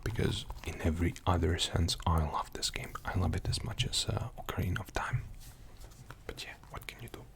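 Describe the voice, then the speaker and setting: A young man talks in a soft ASMR whisper, rambling with frequent fillers. What voice there is sits low and gravelly. Much of it is pure breath. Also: a little fast. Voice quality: mostly unvoiced whisper. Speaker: ASMR video host. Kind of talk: whispered ASMR game show-and-tell.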